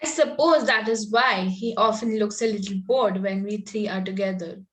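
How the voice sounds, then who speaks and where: A woman's voice: medium pitch, normal speed, fairly bright tone, close to an everyday voice. A woman playing an artless, romantic young Victorian girl in a comedy table read, ingenuous and politely contrary. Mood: artless, earnest.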